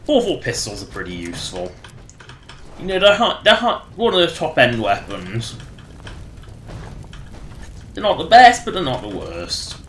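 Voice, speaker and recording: A man's voice: medium pitch, huge pitch swings, a little slow, pauses often, a little hiss or hum. A man livestreaming a game with casual, rambling commentary. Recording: roomy echo, faint game music behind.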